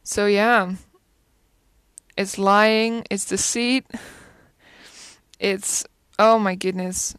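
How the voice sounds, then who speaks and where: A woman's voice: mid-range voice, steady tone, extremely slow, long pauses, fairly bright tone, smooth, no echo. A woman casually chatting about a film, talking animatedly with lots of fillers and asides. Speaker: film commentator. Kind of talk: casual solo chat.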